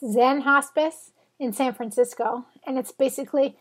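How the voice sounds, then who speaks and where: Her high voice has a breathy edge, fairly even intonation, and a moderate pace. Stuffed up from a cold, this blogger in her forties chats casually to her readers, rambling and correcting herself as she goes.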